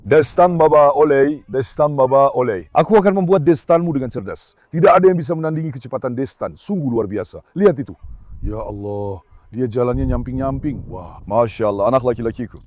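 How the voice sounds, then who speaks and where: A man's voice: mid-range voice, expressive, a little fast, darkish tone, dry recording. A man running a casual farm vlog, coaxing and calling his dogs and chatting to viewers between. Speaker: farm owner and dog keeper.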